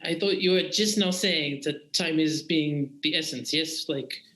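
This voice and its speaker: A man's voice: on the high side, a little slow, fairly bright tone. A man voicing an imperious noblewoman with a put-on French accent, commanding and blunt, in an echoey room with faint music.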